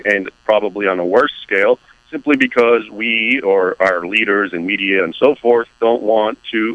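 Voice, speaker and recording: An American author, guesting on a radio interview, lays out his view in a measured yet emphatic way. His voice is lowish, and the recording has no room sound and cut-off highs.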